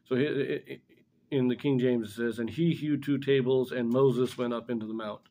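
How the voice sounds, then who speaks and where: Standing at a blackboard in a small room indoors, a middle-aged man offers casual religious teaching as a commentator on scripture. He works through points deliberately, fixing his own wording, with a warm, medium-pitched voice and fairly even intonation.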